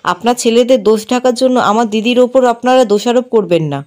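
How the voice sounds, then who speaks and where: A woman's voice: fairly high pitch, fast, darkish tone, lightly acted. A woman reading an indignant young woman. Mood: angry. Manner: indignant and accusing. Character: angry young woman defending her sister.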